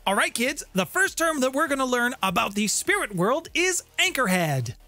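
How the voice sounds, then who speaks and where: This middle-aged host of a tabletop game lore channel has an extremely high, sharp voice with big pitch swings, moving at a moderate pace through a scripted lore explainer with playful theatrics. Close on a pop-filtered studio condenser mic in a home room with guitars, the recording has no room sound and background music underneath.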